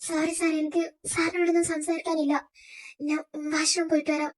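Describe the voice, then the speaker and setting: A woman's voice: extremely high pitch, flat delivery, brisk. A woman voicing a timid young female personal assistant who pleads and defends herself. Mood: defensive.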